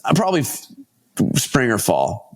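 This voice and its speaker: A congested man in his thirties talks casually as a podcast guest. His voice sits at a middle pitch, and he rambles and corrects himself as he goes. He laughs easily between thoughts. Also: wildly swooping pitch, moderate pace, slightly rough. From United States. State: stuffed up from allergies. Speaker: podcast guest, portrait photographer. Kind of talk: casual interview chat.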